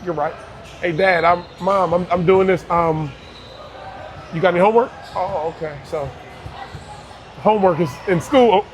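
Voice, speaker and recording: In a casual interview conversation, a man from Barbados in his 30s, a youth basketball coach, talks earnestly and frequently starts his sentences over. He has a high voice at normal speed and pauses often, with a little hiss or hum in the audio.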